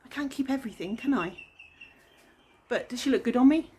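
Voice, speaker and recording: A woman's voice: high-pitched, fairly quick, warm tone, slightly rough. Chatty West Country woman. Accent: West Country English. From England-Wales border, UK. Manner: chatty, rambling, self-deprecating. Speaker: furniture flipper. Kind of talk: casual DIY vlog narration.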